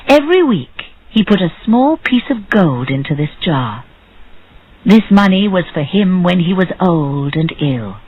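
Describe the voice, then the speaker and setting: A woman reading a story aloud slowly and clearly for English learners. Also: on the low side, muffled recording. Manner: expressive, deliberate.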